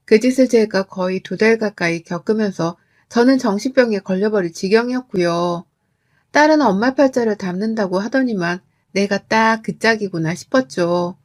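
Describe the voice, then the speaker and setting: A woman's voice: medium pitch, moderate pace. Woman narrating a family story. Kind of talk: scripted first-person narration.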